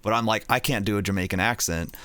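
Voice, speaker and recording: A man's voice: lowish voice, fast talker, a bit bright, clear, resonant tone, no room sound. A young man streaming a game, chatting casually and rambling, getting distracted as he goes. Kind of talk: casual gaming chat.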